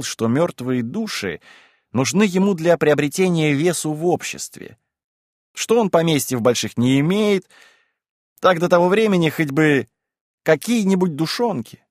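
Calm male audiobook narrator. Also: on the high side, moderate pace, dry recording, studio quality. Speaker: audiobook reader. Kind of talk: scripted narration of a classic novel.

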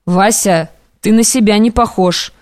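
A woman's voice: mid-range voice, unhurried, darkish tone, no echo, clean studio sound, lightly acted. A woman voicing a devoted young male friend who speaks urgently and beseechingly, in an audiobook. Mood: worried.

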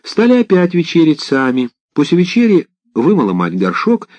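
A man narrating a folk tale in an expressive, dramatic reading. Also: fairly high pitch, moderate pace, dry recording. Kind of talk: scripted storytelling narration. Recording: dull lo-fi dry recording.

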